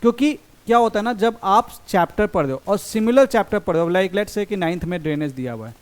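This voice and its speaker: A young man leads an exam strategy lesson that mixes Hindi and English. His voice sits high for a man. He reads exam statements out slowly and deliberately, then moves briskly through his explanations. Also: lively intonation. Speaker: exam coaching teacher.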